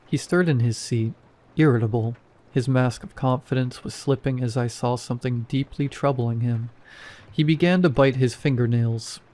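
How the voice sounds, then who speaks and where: Man narrating horror, steady and measured. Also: mid-range voice.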